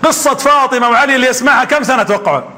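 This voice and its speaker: A man's voice: very high voice, racing, sharp tone. A man preaching a sermon, telling stories with animation and quizzing his audience.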